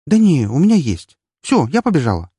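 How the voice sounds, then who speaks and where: A man's voice: on the high side, wildly swooping pitch, a little fast, mellow, breathy edge, no room sound, voice pushed up, exaggerated voice. A man voicing a glum, obedient teenage girl, the younger sister, in a storybook reading. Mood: eager.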